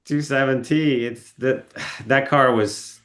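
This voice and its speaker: Taking it slowly, a Bulgarian man with a mid-range, slightly bright voice and fairly even intonation shares car stories on a podcast. The studio chat is casual, and he rambles, self-corrects, and keeps saying um and starting over.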